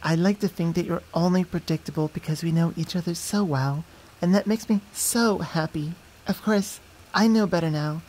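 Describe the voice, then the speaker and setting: Her voice sits fairly low, natural and a little mellow, at a moderate pace. She's performing an intimate ASMR roleplay as a young centaur girlfriend, affectionate, teasing, and quick to get flustered, with a fond, sweet, conversational feel; she's close to a studio mic, yet the audio is poor.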